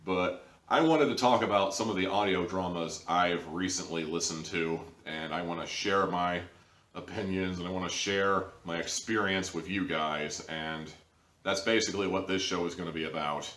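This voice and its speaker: A young adult man hosts a show, giving a casual, rambling review to camera with some theatrical emphasis. His deep voice has a steady, fairly bright tone at normal speed. He's in a small living room, picked up by a camera mic a few feet away, with roomy echo.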